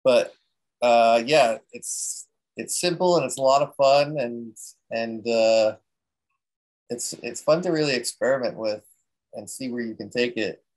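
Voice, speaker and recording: A man of medium pitch talking casually through a photography technique. He rambles a bit and often restarts his sentences with "um" and "so," in an easygoing way. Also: measured pace, rough recording. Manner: relaxed, rambling, many fillers and restarts. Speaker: presenter at a photography talk.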